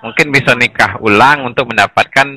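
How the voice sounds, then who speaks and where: A man in a casual conversation explaining village administration, animated and often chuckling between points. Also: mid-range voice, fairly quick, rough recording.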